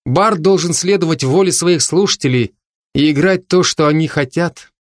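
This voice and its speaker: A man voices an earnest young male bard apprentice who speaks firmly. His fairly high pitch sits above his own voice, yet close to an everyday voice, at a moderate pace. The recording is dry with clean studio sound.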